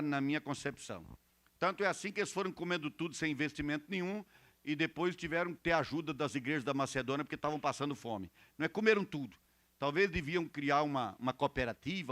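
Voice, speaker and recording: A man preaching a sermon at a church retreat, telling Bible stories and acting out their people, swinging from loud emphasis to quiet confiding asides. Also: fairly high pitch. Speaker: pastor.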